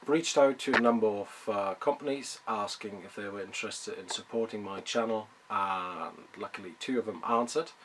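A man in his thirties hosting a casual update from his small workshop, talking to a close camera in a relaxed, slightly hesitant way. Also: fairly low pitch, normal speed, few pauses, slight background noise, low-quality recording. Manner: relaxed, a bit hesitant, with fillers. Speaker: woodworking channel host. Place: small cluttered workshop, indoors. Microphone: camera close at arm's length, mic clipped near the collar.

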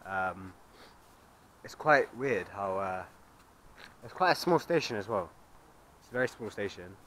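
A man's voice: on the low side, lively intonation, a little slow, a bit bright, slight background noise, poor audio. Joking young man. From England. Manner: joking, swearing, restless. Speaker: vlogger. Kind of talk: casual chat. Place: outdoors on roads and a woodland station.

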